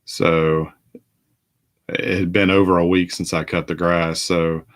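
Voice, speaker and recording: A tired man chats casually as host of a live card break. His voice sits very low. He talks in a rambling, halting way, with plenty of fillers and restarts. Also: flat delivery. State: tired, yawning. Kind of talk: casual live-stream chat.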